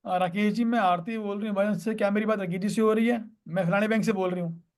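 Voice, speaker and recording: A man mimicking a female telemarketer, rattling off a rushed scripted sales opener. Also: sits high, fairly even intonation. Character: brisk female telemarketer making a cold call.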